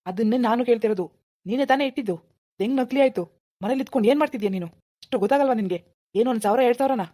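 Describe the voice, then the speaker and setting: A woman voicing an angry village husband in a cartoon, accusing and threatening in a fast, dark voice. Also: fairly high pitch, lightly acted. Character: furious village husband, middle-aged man. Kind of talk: cartoon voice acting.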